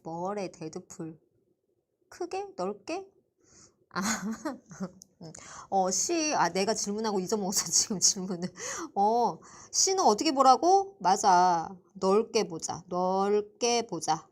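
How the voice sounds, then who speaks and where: A woman's voice: mid-range voice, sing-song, takes it slowly, a little mellow. A woman tutoring Korean literature in a live online class, chatty and teasing, quizzing her students by name. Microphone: computer mic for a livestream.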